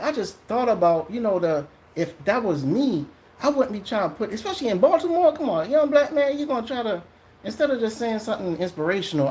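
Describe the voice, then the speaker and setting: There's a faint hiss behind this man, a US vlogger from a Trinidadian family, as he tells the camera a personal story in a loose, lively monologue. He curses without restraint and frequently acts out what others said, his voice shooting up high to play them.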